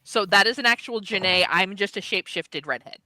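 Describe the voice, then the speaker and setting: A woman's voice: medium pitch, a little fast, pushed and bright, dry recording, poor audio. A woman podcast guest in casual chat, joking and chatty.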